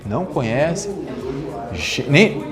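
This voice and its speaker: Energetic high-voiced lecturer coaching a class. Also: male voice, slow, crowd noise. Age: 40s. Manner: energetic, coaching with repeated commands. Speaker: physical education lecturer. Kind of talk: live classroom lecture with exercise cues. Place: classroom with audience.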